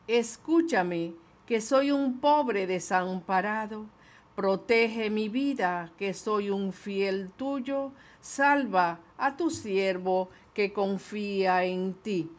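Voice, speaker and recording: Older woman lector, very slow and measured scripture reading, lectern mic in a small chapel. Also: mid-range voice. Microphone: lectern microphone.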